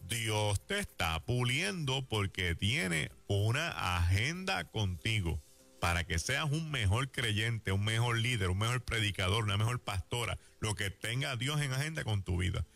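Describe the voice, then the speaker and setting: A man with a Puerto Rican accent preaching a sermon, telling stories in a lively way and acting out the voices he quotes. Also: lowish voice, unhurried, vocal fry, faint music behind. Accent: Puerto Rican Spanish. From Puerto Rico.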